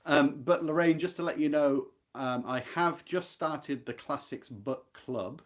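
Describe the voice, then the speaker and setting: A man with a voice on the high side speaks at a measured pace while hosting his book club. The talk is live and informal, about a classic novel, and he is reflective, sincere and emphatic.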